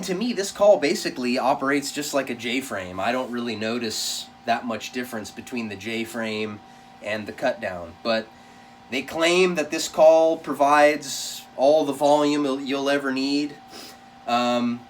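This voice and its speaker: A man's voice: mid-range voice, far from the mic, slight background noise. Man casually reviewing gear, away from the mic. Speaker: product reviewer.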